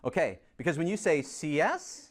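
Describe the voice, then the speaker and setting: A man's voice: fairly high pitch, moderate pace. A man teaching a chemistry class, coaxing and teasing students as he goes over review problems. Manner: lively, teasing, coaxes students to answer. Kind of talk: classroom lesson.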